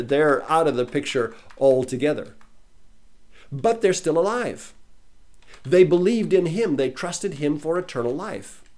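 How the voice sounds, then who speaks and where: A man giving a Bible teaching in an earnest manner, repeating key lines for emphasis, and he slows down and swells when reading scripture aloud. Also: fairly high pitch, a little mellow.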